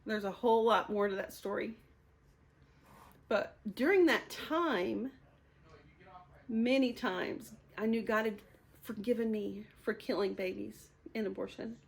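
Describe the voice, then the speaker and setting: A woman's voice: medium pitch, measured pace, vocal fry. A woman in her fifties sharing a personal testimony, speaking candidly and with emotion, often laughing through hard memories.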